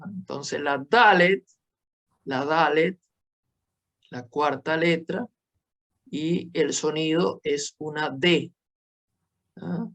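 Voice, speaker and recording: A male teacher explains step by step in an unhurried, patient classroom manner. His voice sits a little high for a man. He keeps checking in with his students as he goes. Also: a bit bright. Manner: slow, explanatory, frequent checking tags. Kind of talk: classroom lesson.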